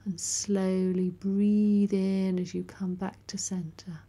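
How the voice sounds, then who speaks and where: A woman leads a yoga and relaxation class in a soft, soothing voice. She speaks extremely slowly, leaving long pauses between each calm instruction. Her voice sits at a middle pitch. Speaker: yoga teacher.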